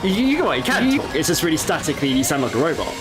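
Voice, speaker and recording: A man streaming a game live, chatting and laughing often with sudden excited outbursts. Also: on the high side, fast talker, music in the background. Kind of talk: live gameplay commentary.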